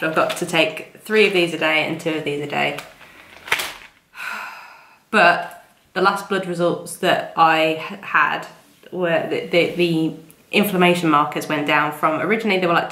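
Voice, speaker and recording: A young woman vlogger with a cold chats casually to camera, rambling and using lots of ums and likes, her voice stuffy and nasal from congestion. She speaks at a moderate pace in a low, steady, sharp-toned voice. The room is echoey.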